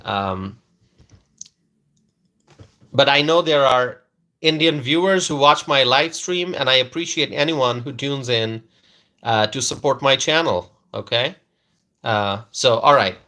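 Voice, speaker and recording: In a mid-range, pushed and bright voice, a man from Bangladesh hosts a political commentary live stream, speaking slowly with long pauses. He names viewers as he greets them, repeats his arguments, appends "okay?" repeatedly, and falters with fillers and restarts.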